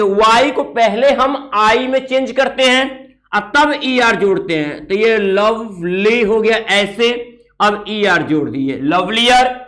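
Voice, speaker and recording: A man's voice: very high-pitched, fairly bright tone, poor audio. A man teaching a grammar lesson, explaining step by step, repeating key words and asking rhetorical questions as he writes on a board. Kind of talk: classroom lesson.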